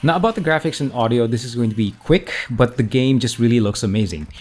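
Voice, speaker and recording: A man's voice: mid-range voice, quick pace, a little mellow. A man giving a casual video game review as a voice-over, conversational and often correcting himself mid-sentence.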